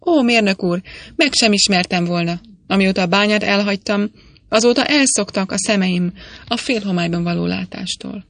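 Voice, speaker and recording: A woman's voice: mid-range voice, no echo, close to an everyday voice. A woman voicing a cheerful young male miner who loves to sing, speaking in a hearty, jovial way.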